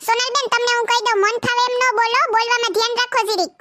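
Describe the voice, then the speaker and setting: A woman's voice: extremely high pitch, flat delivery, very fast, background noise. An actress playing a quarrelsome neighbor woman who scolds. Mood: indignant scolding. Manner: scolding, indignant. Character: quarrelsome woman neighbor defending her road. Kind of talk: comedy sketch acting.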